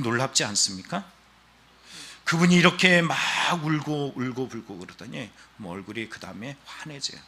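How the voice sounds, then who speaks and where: A male pastor preaching a Sunday sermon, telling stories and acting out the voices of the people in them. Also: a little high. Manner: animated storytelling preaching, acting out quoted voices.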